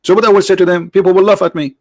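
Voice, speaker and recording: A man's voice: sits high, little pitch movement, very fast, darkish tone, no room sound. Insistent man debating, English. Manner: insistent, argumentative, repeats points. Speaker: debate host. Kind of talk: call-in debate.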